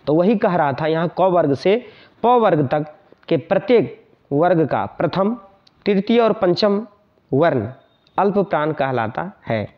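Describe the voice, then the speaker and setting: Male teacher, higher-pitched, patient and repetitive, muffled lo-fi recording. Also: expressive, measured pace. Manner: repeats points, checks in often with tag questions. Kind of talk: grammar lesson explaining to students. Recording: dull lo-fi sound.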